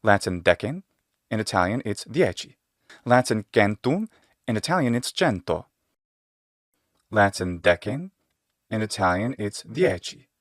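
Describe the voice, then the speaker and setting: Slow, lively man demonstrating words. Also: fairly low pitch, dry recording, studio quality. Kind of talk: pronunciation demonstration.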